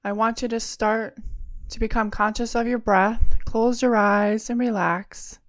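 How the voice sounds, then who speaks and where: A woman leading a guided meditation in a soothing, unhurried manner with long pauses. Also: a little high, fairly even intonation, no echo.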